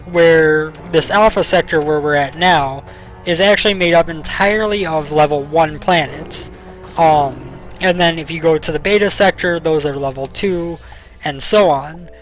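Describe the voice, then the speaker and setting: A man's voice: on the high side, moderate pace, faint music behind, poor audio. A young man giving casual gameplay commentary as a let's play host, explaining at length with frequent ums, and has the hiccups.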